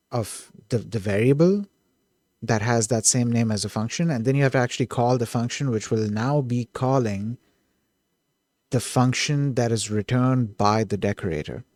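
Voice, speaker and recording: A man working through code on a live stream, thinking out loud in an eager, self-correcting way. His voice sits at an ordinary middle pitch and sounds close and dry, with no room behind it. He often breaks off and restarts a thought. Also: moderate pace, dry recording. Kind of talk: thinking aloud while coding.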